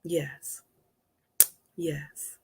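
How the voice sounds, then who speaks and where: A woman hosting a motivational live stream, dropping to soft whispers for emphasis and calling listeners honey. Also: low voice, level tone, drawn-out words, vocal fry, noisy background.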